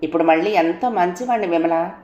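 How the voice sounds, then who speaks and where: A woman voicing a remorseful young husband who slowly begs his wife to forgive him. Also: fairly low pitch, dark tone, reverberant, muffled recording, natural voice. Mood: pleading.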